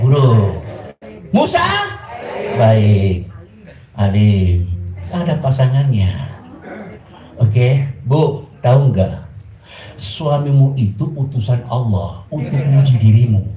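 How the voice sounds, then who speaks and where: Animated preacher with a Surabaya accent. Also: medium pitch. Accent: Surabaya Javanese. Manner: jokey, teasing, questions the audience. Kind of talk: lively sermon to a congregation. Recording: echoey, distant mic, crowd noise.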